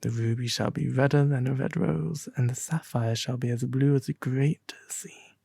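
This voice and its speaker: Soft, breathy little swallow voiced by a man. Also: mid-range voice, fairly even intonation, moderate pace, no echo. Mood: wistful farewell. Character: kindly, earnest little male swallow, wistful traveller.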